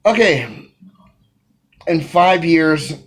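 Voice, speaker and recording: A man's voice: fairly high pitch, very slow, low-quality recording. A man in his thirties, a wrestling manager answering interview questions he reads aloud, talking emphatically into a phone camera in a small room at home. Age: 30s. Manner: energetic, emphatic, gestures a lot. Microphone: phone camera at arm's length.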